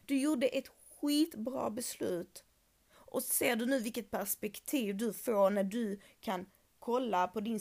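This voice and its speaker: A young Swedish woman hosting a podcast, chatting casually and reading listener messages, outspoken and swearing freely with English slang mixed in. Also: medium pitch. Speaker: podcast host.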